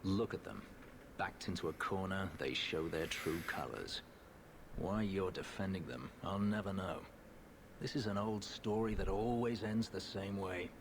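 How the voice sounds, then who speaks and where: A grim, bitter duelist. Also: male voice, low-pitched, unhurried. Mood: cold, bitter. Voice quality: cold, bitter. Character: grim man in a final showdown. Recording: game audio with background noise.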